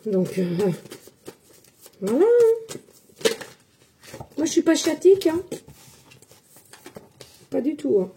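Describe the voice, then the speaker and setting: Slow-paced with long pauses, a tarot-reading psychic medium talks casually to her audience, sounding defensive and repetitive and using lots of fillers. She has a high, warm voice with big pitch swings, and there's a little hiss or hum.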